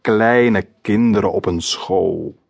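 A man voicing a schoolteacher who tells a monster story to children in a slow, creaking spooky voice. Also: lowish voice, dry recording, heavily acted. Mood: creepy. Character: teacher telling a monster tale in a creaking spooky voice.

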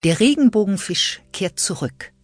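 Expressive woman reading a children's story. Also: mid-range voice, moderate pace, over music. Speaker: audiobook narrator. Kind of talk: children's audiobook narration.

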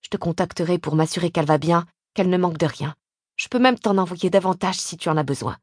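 A woman's voice: mid-range voice, fairly quick, no room sound, studio quality, natural voice. A woman reading the lines of a worn-out, guilt-ridden young man in an audiobook, with tense, apologetic pleading. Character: guilty, worn-out young man leaving his sick wife.

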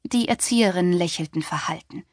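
A woman narrating a contemporary novel in the first person, with a wry, lively storytelling manner, recorded on a studio microphone. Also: lowish voice, fairly quick, no room sound. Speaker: audiobook narrator.

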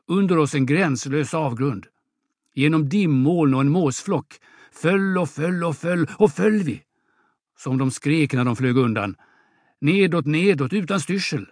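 A swaggering young peasant, voiced by a man reading an audiobook drama, spins a breathless tall tale. His voice sits a little high, and the sound is dry and close to the mic. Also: no room sound, lightly acted. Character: boastful young peasant braggart, swaggering storyteller.

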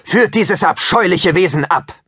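A man's voice: medium pitch, sing-song, moderate pace, a bit bright, husky, full character voice. A man voicing a paranoid, furious king in an audiobook, snarling accusations at his daughter. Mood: shouting.

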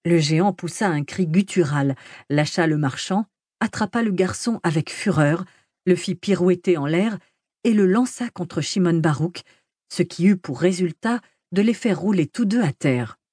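A woman narrating a novel as an audiobook, in a measured, even storytelling manner, close to the mic. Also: lowish voice, slightly rough, dry recording. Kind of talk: scripted narration. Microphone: close studio mic.

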